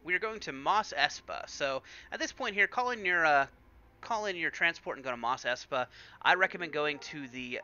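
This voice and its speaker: A man's voice: a little high, animated, normal speed, bright, forceful tone, smooth, dull audio. A man hosting a let's play, giving chatty, casual game commentary full of fillers.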